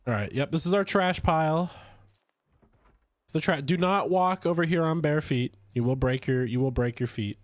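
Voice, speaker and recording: A man chatting casually while streaming a game, stuffy from a cold, rambling with lively swings in pitch. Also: normal speed, dry recording. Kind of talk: casual gameplay commentary.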